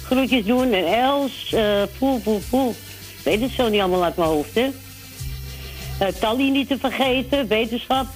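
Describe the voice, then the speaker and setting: A man's voice: very high-pitched, moderate pace, faint music behind. A man, calling in to a radio show over the phone, chatting casually and rambling as he loses his thread. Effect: voice over a phone line.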